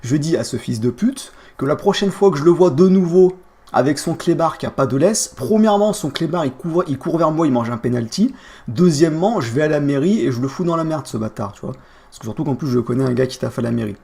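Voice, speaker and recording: Fast-talking gravelly young man ranting. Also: on the high side, animated, warm tone. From France. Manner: vulgar, heated storytelling with street slang. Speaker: streamer. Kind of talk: casual live-stream rant.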